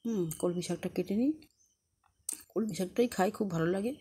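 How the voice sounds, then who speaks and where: A woman chatting softly to viewers as friends while she does household chores. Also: medium pitch, a little fast, husky. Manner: speaks softly and quietly. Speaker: vlogger. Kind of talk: casual home vlog chat. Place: house with rooms, kitchen and rooftop. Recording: noisy home recording.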